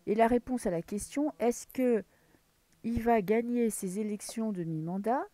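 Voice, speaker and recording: A woman's voice: fairly high pitch, unhurried, mellow, no echo. A woman from France giving a casual tarot reading to camera, thinking aloud as she draws cards and sometimes dropping to a whisper. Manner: muses aloud while drawing cards, drops into whispers. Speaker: tarot card reader.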